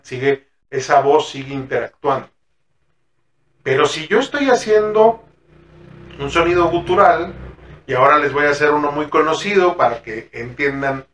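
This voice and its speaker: A man's voice: mid-range voice, a bit bright, slight background noise. A man with a Mexican accent hosting a therapy podcast, chatting casually, swearing freely and acting out exchanges with his patients. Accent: Mexican Spanish. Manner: colloquial, swears freely, acts out patient dialogues. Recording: roomy echo, mic at a distance.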